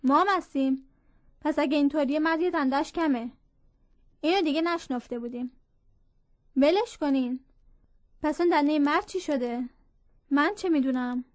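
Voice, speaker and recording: A woman's voice: sits high, long pauses, close to an everyday voice. A woman voicing a crowd of scornful, gossiping villagers who turn into a vengeful mob. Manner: scornful, jeering.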